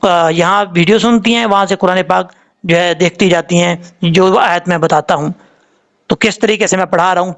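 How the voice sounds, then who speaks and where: A man's voice: sits high, a bit bright. A man with a Pakistani Urdu accent teaching Quran reading, patiently drawing out letter sounds to show how they are said.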